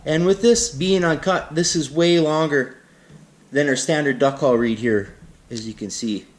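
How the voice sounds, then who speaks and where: A man's voice: fairly high pitch, measured pace, slight background noise. A man giving a casual, plain-spoken, unscripted hands-on tutorial as an instructor. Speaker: instructor in a how-to demonstration.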